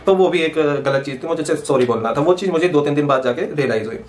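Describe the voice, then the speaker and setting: Rapid-fire man telling a story. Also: fairly high pitch. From Punjab, India. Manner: rapid, slangy, swears freely. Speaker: vlogger, medical student. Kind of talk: casual storytelling.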